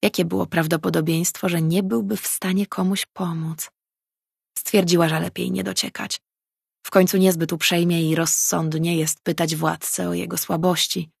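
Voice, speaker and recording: A woman reading a novel aloud as an audiobook narrator, in calm, even storytelling. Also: fairly low pitch, moderate pace, creaky, husky, no echo, clean studio sound. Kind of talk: scripted narration.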